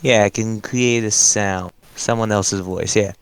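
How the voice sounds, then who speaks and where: A man's voice: on the low side, fairly even intonation, measured pace, clear, resonant tone, dry recording. A man playing a tabletop game, chatting casually and joking. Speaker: player.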